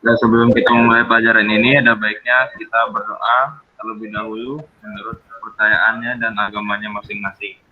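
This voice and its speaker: Man, class leader, low voice, flat delivery, formal, dull lo-fi video call audio. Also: brisk. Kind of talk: leading class prayer.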